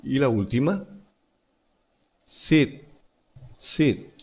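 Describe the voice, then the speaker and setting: A man's voice: medium pitch, animated, very slow, darkish tone, slightly rough. A male teacher giving a recorded grammar lesson to schoolchildren, repeating each example word and rule. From Central America.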